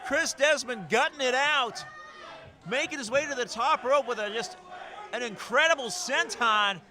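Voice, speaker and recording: A man calling live play-by-play as a wrestling commentator, with excitable, exclamatory delivery. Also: extremely high pitch, normal speed. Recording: loud event crowd and music behind. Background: crowd and music.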